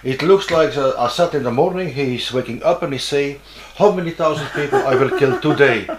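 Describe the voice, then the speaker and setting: A man, interviewing a guest in a halting, animated way, with many fillers. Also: mid-range voice, background noise. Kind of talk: interview chat. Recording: roomy echo.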